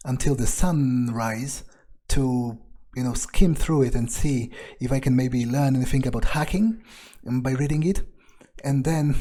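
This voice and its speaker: Narrating his gameplay in the role of a vampire, a man muses out loud, hesitant, self-interested and swearing freely. His voice is mid-range with a dark tone.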